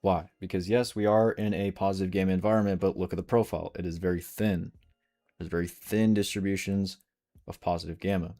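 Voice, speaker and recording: A man's voice: deep voice, fairly even intonation, brisk, dark tone. A man streaming live day trading, casually explaining charts and answering questions from chat.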